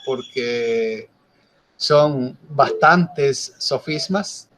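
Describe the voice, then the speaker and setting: A man's voice: mid-range voice, extremely slow, a bit bright. A male teacher giving an explanatory class lecture, often checking in with his students through short tag questions.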